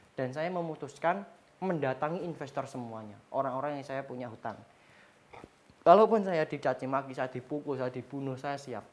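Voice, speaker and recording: A young man shares a personal testimony in an earnest, emotional way. He often halts and restarts his sentences as he tells his story. His voice sits at a middling pitch. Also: a little hiss or hum. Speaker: entrepreneur telling his life story.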